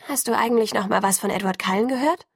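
A woman's voice: mid-range voice, husky, dry recording, clean studio sound. A woman voicing a chatty teenage girl who gushes about her evening and sulks when ignored, reading an audiobook. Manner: gushing, quick to sulk. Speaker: audiobook reader.

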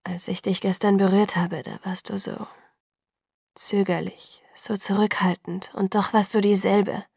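A woman reading the lines of an intense, remorseful young man in love, soft, hushed and pleading. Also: mid-range voice, little pitch movement, measured pace, creaky, breathy edge, no room sound, clean studio sound.

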